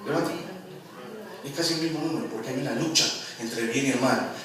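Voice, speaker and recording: A man preaching a sermon in a church hall, lively and joking as he quizzes the congregation. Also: mid-range voice, fast. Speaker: pastor. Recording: very echoey hall, from far off.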